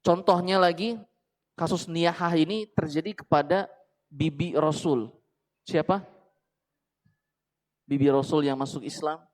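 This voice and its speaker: A man's voice: on the high side, unhurried, pauses often, rough recording. A man teaching a religious book study in a casual, chatty way, often asking his listeners questions and correcting himself aloud. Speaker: Islamic teacher.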